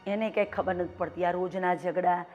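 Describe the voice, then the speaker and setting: A woman's voice: fairly low pitch, fairly even intonation, moderate pace, a little mellow, highs cut off, soft background music, natural voice. A middle-aged woman acting as a worried mother who complains about her son and the neighbours. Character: weary middle-aged mother fed up with gossip. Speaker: mother in a family drama. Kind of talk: Gujarati short-film acting.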